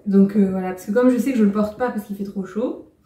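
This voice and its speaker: A chatty woman talks casually through her knitting projects, rambling and laughing lightly at herself. Her voice is mellow and warm. She sits back from the camera mic, and the room adds a roomy echo. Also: medium pitch, steady tone, fast. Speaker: knitting vlogger. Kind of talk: casual chat showing finished knits. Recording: roomy sound from a distance.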